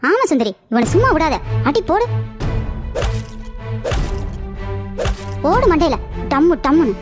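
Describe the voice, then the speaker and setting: A woman's voice: high voice, animated, fast talker, over music. A woman doing an indignant, scolding cartoon neighbor. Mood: egging on. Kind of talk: animated cartoon voice acting.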